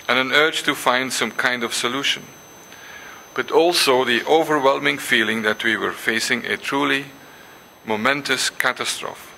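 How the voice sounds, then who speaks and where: In a lecture hall, an older man whose first language is Dutch delivers a symposium lecture, hesitating often with ums and restarts and reading passages aloud. His mid-range voice has a sharp tone, and the poor-quality audio carries slight background noise.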